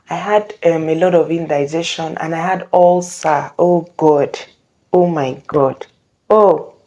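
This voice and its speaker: A young woman telling a personal testimony in a casual way. She speaks earnestly and haltingly, often pausing and correcting herself. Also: sits low, mellow. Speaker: vlogger sharing a personal testimony.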